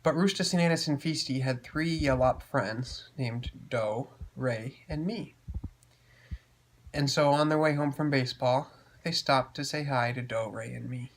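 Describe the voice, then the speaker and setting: A man's voice: medium pitch, moderate pace, hardly any pauses, poor audio. Man telling a bedtime story. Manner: gentle, explaining to a child.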